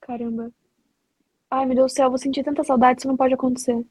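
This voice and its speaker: A woman chatting casually on a live stream, excitable and anxious, laughing often. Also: high-pitched, fast talker, dry recording.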